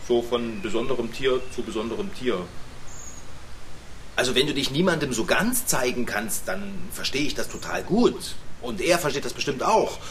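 A man's voice: medium pitch, animated, moderate pace, a little hiss or hum, lightly acted. A man playing a kindly, naive bike mechanic. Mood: hushed. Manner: warm-hearted and a little naive. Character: good-natured, kindly bicycle mechanic. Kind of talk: audio drama acting.

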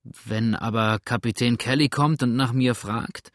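A man's voice: medium pitch, fairly even intonation, measured pace, no echo, clean studio sound, close to an everyday voice. A man reading aloud as a grumbling, blunt old male boatswain in a storybook. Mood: gruff.

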